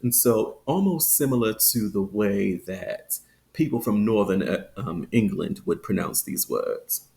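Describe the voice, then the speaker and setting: A man teaching a phonetics lesson, explaining with fillers and stretching out example words slowly. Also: on the low side, lively intonation, gravelly, warm tone. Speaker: accent teacher.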